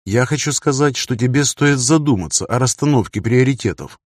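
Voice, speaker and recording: A man voicing a calm, wise male ruler who speaks in slow, deliberate, lecturing sentences. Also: mid-range voice, no room sound, studio quality, natural voice. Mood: measured.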